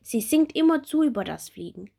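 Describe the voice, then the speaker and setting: A woman's voice: on the high side, expressive, brisk, gravelly, warm tone, husky, pitched above the performer's own voice, exaggerated voice. A woman voicing a friendly, somewhat nervous young caterpillar in a storybook. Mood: thoughtful. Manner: thoughtful, a bit anxious.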